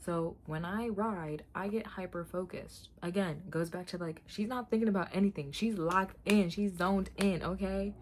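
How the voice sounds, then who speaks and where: A young adult woman telling a personal story to viewers as a vlogger, in a casual, chatty, candid way with slangy, emphatic repetition and animated delivery. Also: lowish voice, moderate pace, few pauses, a little hiss or hum.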